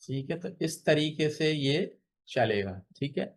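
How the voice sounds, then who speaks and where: A man tutoring beginners in spoken English over a video call, patient and encouraging, repeating example phrases slowly. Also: on the high side, lively intonation. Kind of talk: online spoken English lesson.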